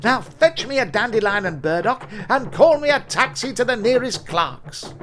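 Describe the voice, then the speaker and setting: Guy doing a cranky stuck-up old english gent for a cartoon, huffy and indignant, bouncy up and down pitch. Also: very animated, moderate pace, fairly bright tone, slight background noise, exaggerated voice. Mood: grumpy. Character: grumpy pompous old Englishman.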